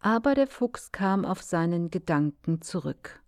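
A woman reading a story aloud in a slow, measured way. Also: fairly low pitch, animated, darkish tone, no echo, clean studio sound. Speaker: narrator.

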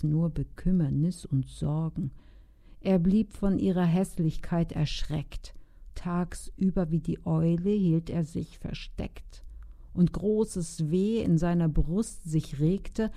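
Slow gravelly-voiced woman reading verse. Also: fairly low pitch, dark tone. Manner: measured, rhythmic rhyming delivery. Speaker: reader.

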